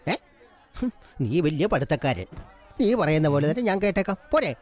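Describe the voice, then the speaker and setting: Boastful talkative auto driver, animated, film music under. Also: male voice, a little high, moderate pace. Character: chatty boastful young male auto driver. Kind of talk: Malayalam film dubbing.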